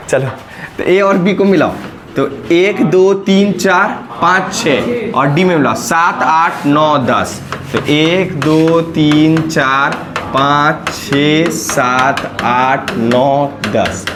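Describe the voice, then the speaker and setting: A male maths teacher, teaching a class in a classroom and coaxing students by checking again and again whether they follow. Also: a little high. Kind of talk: classroom lesson at a whiteboard. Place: classroom, recorded in summer heat.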